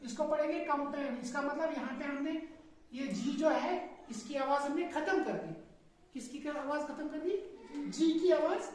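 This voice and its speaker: High-voiced woman teaching in an echoey room. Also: moderate pace, darkish tone, distant mic. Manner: spells words letter by letter and quizzes with repeated questions. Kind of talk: classroom lesson on spelling.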